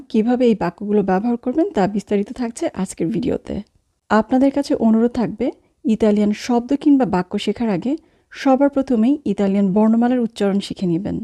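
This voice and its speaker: A woman teaching a language lesson, saying each phrase and then repeating it slowly word by word. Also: on the high side, mellow. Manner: slow, careful, spelling out each word.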